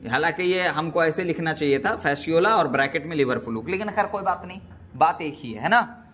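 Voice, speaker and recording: A man's voice: fairly high pitch, brisk, a bit bright, slight background noise. A man teaching biology, quizzing his students with repeated questions and calling them "beta.". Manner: calls students "beta" affectionately. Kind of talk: classroom lecture.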